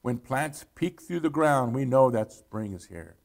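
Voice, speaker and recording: A man quoting an earnest schoolteacher, gravelly. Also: mid-range voice, expressive, a little slow. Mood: gentle. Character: patient woman schoolteacher, gently earnest.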